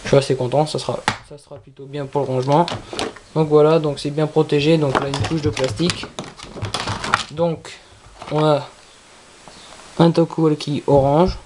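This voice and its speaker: A product reviewer talking casually through an unboxing in a halting, repetitive way. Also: mid-range voice, little pitch movement. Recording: clearly noisy with handling clicks.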